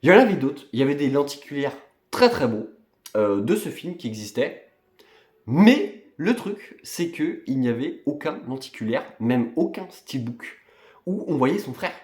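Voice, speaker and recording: A man's voice: mid-range voice, big pitch swings, moderate pace, darkish tone, reverberant. A man casually showing off his film collection, chatty and rambling, with many fillers and restarts. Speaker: collector vlogger. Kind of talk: casual unboxing show-and-tell.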